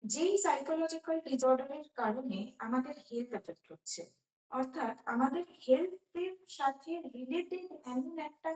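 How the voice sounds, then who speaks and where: A woman's voice: high-pitched, recorded from a distance. A woman teaching an online class, explaining step by step and putting questions to her students, her voice carrying a heavy echo over the call. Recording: echoey online class audio.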